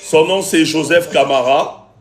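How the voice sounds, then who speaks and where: A man's voice: on the high side, a little slow, soft background music. A man hosting a casual live stream on his phone, repeating himself and pleading with his viewers for support. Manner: repetitive, pleading with viewers, many fillers. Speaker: live-stream host and music producer.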